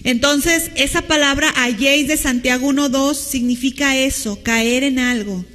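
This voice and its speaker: A woman's voice: high voice, moderate pace, a bit bright, in a large hall, faint music behind. A woman pastor with a Mexican Spanish accent, preaching a teacherly sermon and asking the congregation questions. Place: church hall with long reverb.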